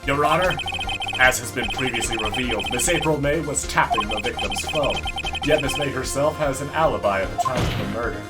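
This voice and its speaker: A man's voice: mid-range voice, fairly quick, over loud music, lightly acted. A man voicing an earnest young defense lawyer in a game read-along, emphatic and argumentative. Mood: accusing. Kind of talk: video game read-along role-play.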